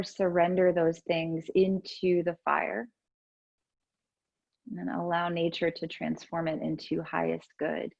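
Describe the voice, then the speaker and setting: A yoga and meditation teacher leads a gentle yoga and breathing practice, her fairly low voice heavily creaky. She speaks in a soothing, unhurried way, leaving room between instructions, and the recording sounds slightly dull and lo-fi.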